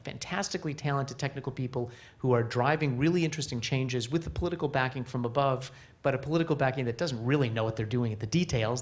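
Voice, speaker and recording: A middle-aged man speaking on a conference panel stage into a handheld mic, casual and animated, with many fillers and restarts. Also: mid-range voice. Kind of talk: panel discussion.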